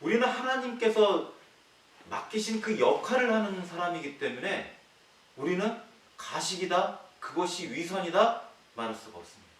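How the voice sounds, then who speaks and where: A male pastor preaching a sermon, posing rhetorical questions to the congregation and swinging between loud emphatic lines and quiet low ones. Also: animated, normal speed. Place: church sanctuary. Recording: echoey hall, distant mic, faint hiss.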